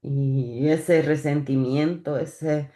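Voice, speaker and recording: A woman giving a personal religious testimony in church. She speaks haltingly, stopping and repeating words as she goes. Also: low-pitched, steady tone, mellow. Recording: echoey church room.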